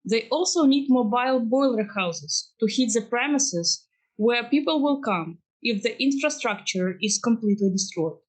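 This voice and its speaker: A woman's voice: on the high side, expressive, normal speed, rough recording. A woman with a Ukrainian accent delivers a prepared statement as an energy policy expert. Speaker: think tank president, energy expert.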